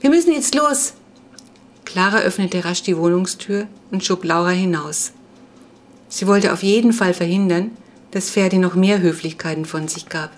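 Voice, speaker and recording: A woman reading a children's novel aloud as narrator, in an even, measured storytelling manner. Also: lowish voice. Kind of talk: audiobook reading.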